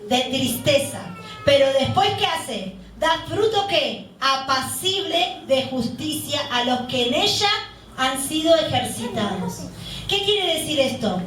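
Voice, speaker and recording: A woman's voice: high voice, sing-song, measured pace, fairly bright tone, a little hiss or hum. A woman deaconess preaching a sermon, often asking the congregation questions and answering them herself. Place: church hall. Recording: very echoey hall, voice picked up from a distance.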